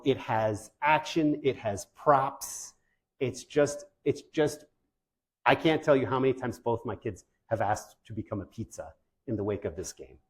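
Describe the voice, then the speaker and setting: An eager male presenter talks with parents in a relaxed, conversational way, piling praise on whatever he shows them. His voice sits at a middle pitch, with loose, chatty phrasing throughout. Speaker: presenter for parents of deaf children. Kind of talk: informal presentation to families.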